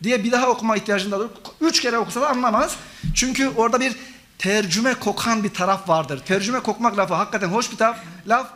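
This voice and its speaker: A man's voice: high voice, fast, sharp tone. A middle-aged man, a professor, giving an academic conference talk, lecturing and listing examples for the audience. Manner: lecturing, addresses audience as friends, lists synonyms. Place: conference hall.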